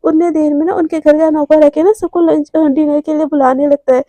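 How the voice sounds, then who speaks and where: High-voiced woman telling a story. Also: flat delivery, a little fast, warm tone, dry recording. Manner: chatty, voices the characters' lines herself. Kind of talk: casual storytelling narration.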